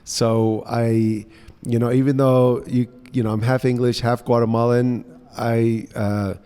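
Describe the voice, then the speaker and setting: A man in his fifties, raised in the United States, telling stories in a relaxed, chatty way as a guest in an interview in a co-working space. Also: medium pitch, measured pace, clean tone, in a large hall. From United States (grew up in New Orleans). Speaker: guest, entrepreneur. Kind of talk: casual interview conversation.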